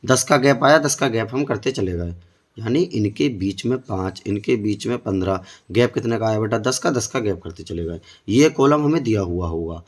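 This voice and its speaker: A man's voice: lowish voice, moderate pace, darkish tone. A male math teacher working through board-exam problems step by step, often putting questions to his students. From India. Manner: explains step by step, keeps asking the students questions. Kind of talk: board-exam tutoring lesson.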